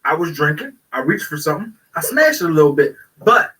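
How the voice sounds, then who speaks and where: A man hosting a talk show, excitable and profane. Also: fairly high pitch, brisk, distant mic, low-quality recording. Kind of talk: casual chat.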